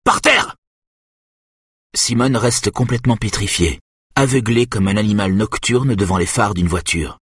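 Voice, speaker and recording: A thriller audiobook is narrated by a man with a low, husky voice who keeps a steady, measured delivery. The recording is close and dry, with no echo or room around it.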